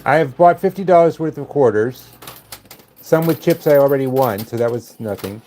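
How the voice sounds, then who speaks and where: A man's voice: medium pitch, lively intonation, moderate pace, mellow, slight background noise. An older man hosting a casual live stream, chatting to viewers with dry, wisecracking asides.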